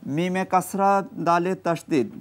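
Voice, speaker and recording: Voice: medium pitch, slow. A Quran reading teacher leading a TV lesson, quizzing students and prompting group recitation, then praising their answers. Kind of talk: TV quiz-style lesson with call-and-response. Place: TV studio with a class of students. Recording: studio with students chanting along.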